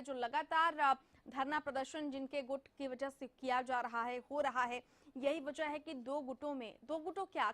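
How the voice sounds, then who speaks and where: A woman anchoring a news bulletin, posing long questions in a measured, formal delivery. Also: high voice, fairly bright tone.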